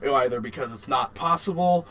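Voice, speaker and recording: A podcast co-host chats casually about video games and films in a mid-range, slightly bright voice at normal speed. He talks informally, repeating words and swearing now and then.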